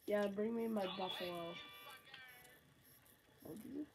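Against background noise, a woman with a sore throat and a medium-pitched voice casually comments on her game from her bedroom. The gamer talks slowly and rambles, mostly to herself.

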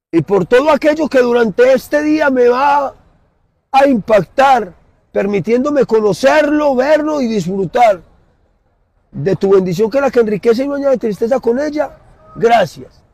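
A middle-aged man with a Colombian Spanish accent delivers an impassioned street sermon in an outdoor plaza. His voice sits high and a little husky. He talks with lively, swinging intonation, going from loud to soft. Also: dry recording. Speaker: street preacher. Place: outdoor city plaza under trees.

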